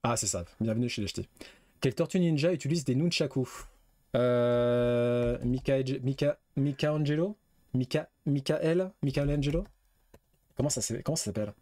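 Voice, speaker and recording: Male streamer, mid-pitched, talks through quiz guesses aloud, dry close sound. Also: normal speed, warm tone, no room sound. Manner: reads questions aloud, guesses, swears casually. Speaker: gaming streamer. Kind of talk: casual live quiz game commentary.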